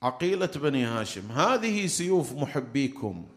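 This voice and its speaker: A man reciting a devoted companion's solemn pledge, low and slow. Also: very animated, fairly bright tone.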